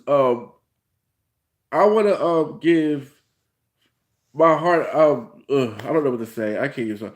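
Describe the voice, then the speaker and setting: Darkish in tone and medium in pitch, the voice comes from a man in his thirties hosting a relaxed reality-TV review vlog while sick with a cold. His talk wanders, and he keeps restarting and dropping in "you know."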